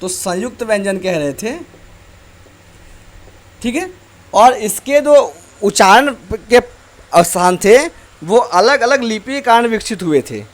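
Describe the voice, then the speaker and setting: A male teacher giving a slow, deliberate grammar lesson, reciting letters one by one. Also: high voice.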